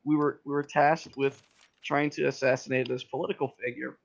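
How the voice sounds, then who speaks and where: A man's voice: medium pitch, level tone, brisk, vocal fry, muffled recording. A man hosting a game stream, chatting casually and reading viewer fan fiction in a theatrical way, laughing often. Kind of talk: casual chat and mock-dramatic reading.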